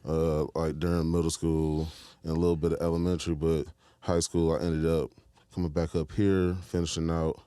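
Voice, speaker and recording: Deep-voiced laid-back rapper from Michigan. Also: male voice, flat delivery, normal speed, warm tone, clean tone, no echo. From Detroit, Michigan, US. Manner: laid-back, slangy, keeps asking "you feel me". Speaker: guest rapper. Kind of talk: casual interview chat.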